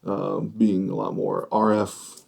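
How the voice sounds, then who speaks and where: Mellow, low-voiced Michigan man chatting. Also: flat delivery, takes it slowly, gravelly. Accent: Michigan, Great Lakes. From Michigan, United States. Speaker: podcast co-host, video and LED wall professional. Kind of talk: casual chat.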